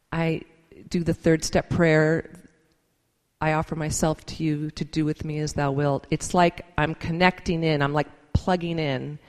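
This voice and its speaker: At a recovery meeting, a woman gives an earnest, informal personal testimony to the gathering, thinking aloud as she goes. Her voice sits low and is a little mellow, and the large hall she's in makes the sound reverberant.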